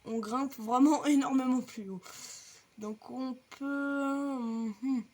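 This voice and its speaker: A woman's voice: high-pitched, fairly even intonation, takes it slowly, darkish tone, a little hiss or hum. A young woman casually commenting on her gameplay, chatty and explaining each step to viewers with the odd light swear. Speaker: gaming video creator.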